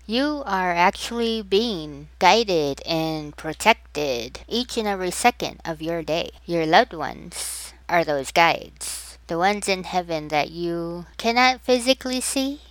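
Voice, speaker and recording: A woman's voice: fairly low pitch, expressive, takes it slowly, few pauses, no room sound, poor audio. A woman hosting a solo podcast, talking upbeat and chatty straight to the listener. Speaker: podcast host. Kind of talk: solo podcast talk on positivity.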